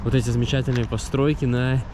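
Filming himself with a camera held at arm's length, a travel vlogger in his thirties chats and rambles as he walks along a seaside harbor. His mid-range voice is flat and fast. Wind and street noise from outdoors run through the recording.

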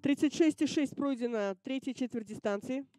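A woman's voice: sits high, normal speed, warm tone, no room sound. A woman giving live harness racing commentary in short, terse announcements. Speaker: race commentator.

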